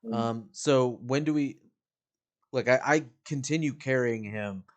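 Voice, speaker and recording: A man's voice: mid-range voice, a little slow. A man playing a tabletop game, speaking bluntly and curtly in character. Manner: blunt, curt. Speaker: player. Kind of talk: casual tabletop play.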